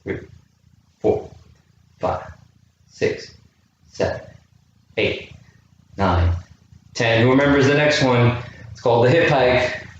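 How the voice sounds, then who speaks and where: Man coaching kids through a workout, unhurried, far from the camera mic in a very echoey room. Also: medium pitch, expressive, lo-fi sound. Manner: encouraging, counts reps aloud, asks kids questions. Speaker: youth fitness coach. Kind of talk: home workout class for kids. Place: indoor room with a chair. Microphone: camera microphone from a distance. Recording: very echoey room, distant mic, faint noise.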